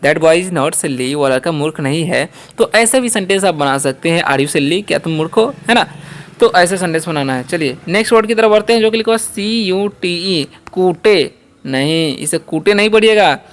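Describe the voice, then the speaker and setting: A man's voice: high-pitched, lively intonation, brisk, a bit bright. A man teaching a beginners' spoken English lesson, explaining word by word and asking and answering his own questions. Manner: often adds "ठीक है" checks.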